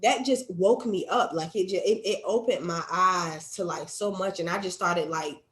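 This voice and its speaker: A woman in her thirties, a podcast co-host, telling a heartfelt personal story in casual chat, animated and quick to laugh. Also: fairly low pitch, echoey room. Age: 30s. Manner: animated, quotes herself and her son, laughs often.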